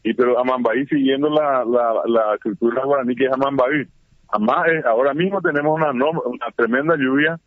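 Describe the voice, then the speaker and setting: A man's voice: mid-range voice, fairly quick, no echo. Man explaining over a tinny phone line. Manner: explanatory, with many fillers and restarts. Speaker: guest, Guarani scholar. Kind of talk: radio interview explanation. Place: at home during heavy rain.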